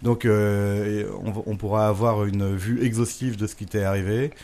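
A man's voice: on the low side, little pitch movement, moderate pace, mellow. A man hosting a casual interview, bantering and teasing his guest as he asks questions. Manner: joking, teasing. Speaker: interview host.

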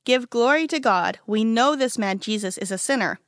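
A group of stern grown men, suspicious and quick to accuse, voiced by a woman reading aloud. They speak sternly and a little loudly. The storybook reading is dry and close. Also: on the high side, lively intonation, no room sound. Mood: questioning.

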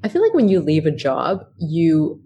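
A young woman co-hosting a podcast, chatting in a relaxed, rambling way with lots of fillers. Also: deep voice, normal speed, breathy edge. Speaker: podcast co-host. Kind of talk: casual chat.

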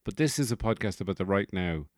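A man's voice: sits low, animated, fast, no echo, clean studio sound. A man hosting a solo comedy podcast, rambling through jokey, profane tangents. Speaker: podcast host.

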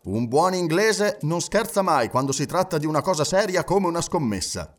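Phileas Fogg, a man doing a calm gentleman. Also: a little high, recorded from a distance, pitched above the performer's own voice. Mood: composed. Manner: calm, measured, unhurried. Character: impassive, precise English gentleman traveler.

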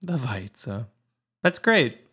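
A man with a mid-range voice chatting as a podcast co-host. He is easygoing and laughs often. He explains his ideas in plain, relaxed terms. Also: mid-range voice, drawn-out words, husky. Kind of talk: casual chat.

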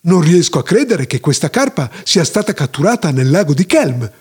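A man's voice: fairly high pitch, big pitch swings, normal speed, a little mellow, husky, heavily acted. A man voicing a pompous, self-important elder who is the nearsighted chief sage of his village, deliberating aloud in a grand way.

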